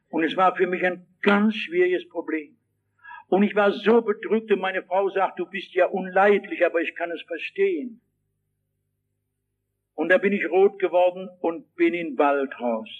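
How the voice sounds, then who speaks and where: A man preaching a sermon, addressing his listeners directly and telling a story in which he acts out the shouting voices. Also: high voice, muffled recording.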